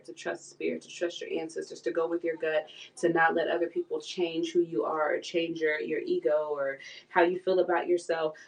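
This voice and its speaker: A tarot reader gives a live reading, and now and then she voices what the figures on the cards would say in quoted asides. Her voice is on the low side, and the recording quality is low.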